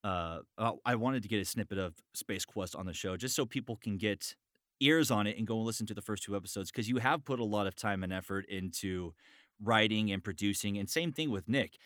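A man who hosts an interview show and does voice acting chats casually about voice acting, enthusiastic, encouraging and sweary. His voice sits lowish, moves a little fast and has a fairly bright tone. The recording is dry with clean studio sound.

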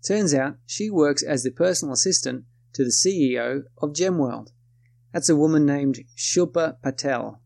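A man's voice: fairly high pitch, moderate pace, gravelly, darkish tone, no room sound, clean studio sound. A man with an Australian accent narrating his own story in first person, wry and self-deprecating.

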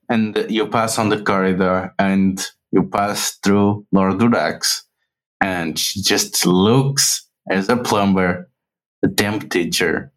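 A man narrating a tabletop role-playing game as game master, describing scenes in a measured way. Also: deep voice, rough recording.

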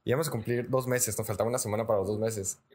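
Fast-talking Mexican young man telling stories. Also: fairly low pitch, fairly even intonation, darkish tone. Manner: rapid slangy storytelling with frequent filler "güey". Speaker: podcast host. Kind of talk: casual storytelling chat.

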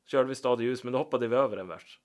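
Man, co-host, relaxed, laughs easily, medium pitch, casual storytelling. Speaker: podcast co-host, musician. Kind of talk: casual chat, anecdote telling.

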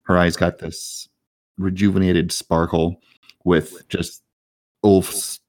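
A man's voice: sits low, level tone, slow pace, darkish tone, dry recording, studio quality. A man narrating as game master of a tabletop game, loose and full of fillers.

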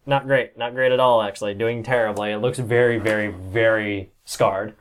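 A man's voice: on the low side, steady tone, moderate pace. A man narrating a tabletop game as game master, loose and rambling, with plenty of swearing.

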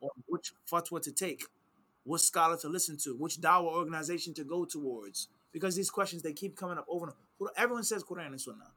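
Talking fast with a breathy edge, a man teaching Islamic principles fields questions while seated, his somewhat high voice pushed and tense. He stresses important phrases by repeating them and works Arabic quotations into his explanations.

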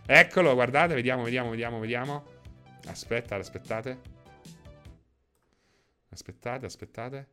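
A man's voice: medium pitch, normal speed, pauses often, over music. A man chatting casually on a live stream, reading out viewers' names, laughing often.

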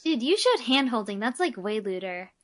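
A woman co-hosting a casual chat, teasing and joking in a deadpan way. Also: on the high side, normal speed. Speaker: co-host.

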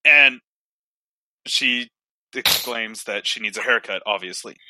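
A man telling a long joke in a casual podcast chat, with pauses and filler words. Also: lowish voice, noisy background. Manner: slow, deliberate storyteller with pauses. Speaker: podcast co-host.

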